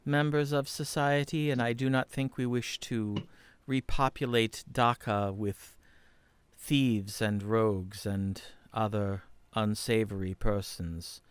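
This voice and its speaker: A man voicing a formal council leader who speaks in measured, ceremonial phrases. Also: lowish voice, steady tone, clear, resonant tone, no echo. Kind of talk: tabletop role-play voice.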